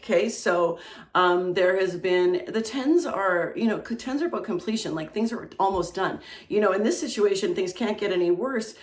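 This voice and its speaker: A woman giving a casual, animated tarot reading to her viewers, talking chattily with lots of fillers and frequent "okay?" check-ins. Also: medium pitch, roomy sound. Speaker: tarot reader.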